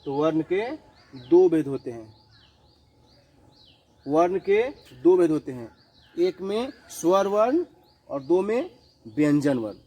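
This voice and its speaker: Male teacher, slightly high yet mellow voice, slow and repetitive, answers his own questions, mixes in English words. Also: animated, poor audio. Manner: repeats each definition slowly, asks and answers his own questions. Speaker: school teacher. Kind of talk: classroom grammar lesson.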